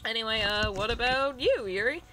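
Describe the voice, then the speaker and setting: A woman reading the lines of an awkward male high school student in a visual novel, in her own voice. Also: animated, normal speed, over music, close to an everyday voice, poor audio. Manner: awkward, self-conscious.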